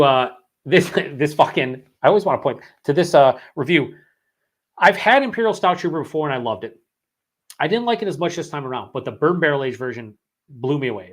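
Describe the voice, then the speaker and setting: Hours into a live beer-review stream, the host's throat is sore, though his voice stays in the mid range. He reads the chat's comments out loud, rambling and cursing as he goes.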